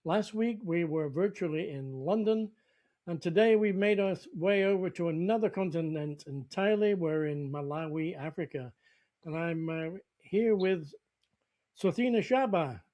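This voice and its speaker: A male podcast host with a somewhat high, mellow voice. He asks long, rambling questions and often repeats words as he goes. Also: moderate pace. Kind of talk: interview hosting.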